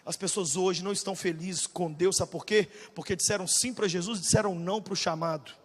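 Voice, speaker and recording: A Brazilian pastor in his forties preaching a sermon, swinging from shouted bursts to low, confiding talk. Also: steady tone, a little fast. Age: 40s. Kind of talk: energetic sermon. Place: large church hall, live audience. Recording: reverberant church hall.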